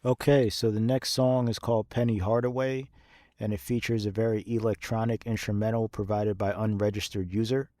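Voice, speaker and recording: A man's voice: fairly low pitch, flat delivery, a little fast, dark tone, dry recording. A man in his thirties, a rapper, talks about his album in a rambling, casual monologue full of fillers and restarts.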